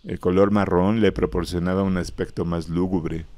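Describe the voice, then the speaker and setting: A man narrating a horror story in a grave, measured way, close to the microphone. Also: sits low, steady tone, dark tone, no room sound.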